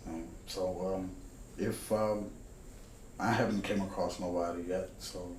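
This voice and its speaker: A man from the Caribbean telling his story in an oral history interview, lively and often leaping up in pitch. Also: a little slow, a little hiss or hum. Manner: animated, jumps high in pitch when telling stories. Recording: roomy with faint ambience.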